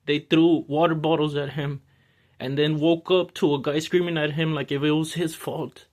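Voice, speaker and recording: Male storyteller, a bit high-pitched, rambling casual delivery. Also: little pitch movement, moderate pace, darkish tone. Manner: rambling, full of restarts and fillers.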